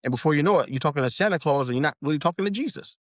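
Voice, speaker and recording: A man talking as a podcast guest about faith, animated and acting out imagined voices. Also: fairly high pitch, very fast, dry recording, studio quality. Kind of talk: faith conversation.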